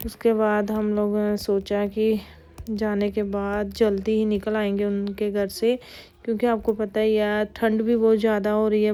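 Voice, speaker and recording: With a medium-pitched, dark-toned voice, a vlogger mom chats through casual voice-over narration of her family's vlog, breaking off into quoted asides where she scolds the kids.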